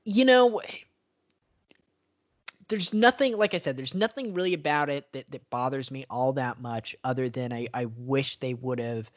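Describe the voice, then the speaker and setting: A man in a mid-pitched voice, musing on a casual movie podcast. He rambles a little and fills his pauses with ums. The sound is muffled and lo-fi. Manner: thoughtful, rambling with fillers. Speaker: podcast co-host. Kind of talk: casual film review chat. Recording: dull lo-fi podcast audio.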